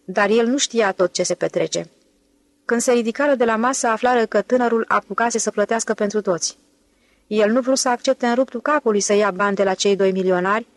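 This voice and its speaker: A woman's voice: medium pitch, dry recording. Woman narrating an audiobook, dry sound. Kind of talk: scripted narration.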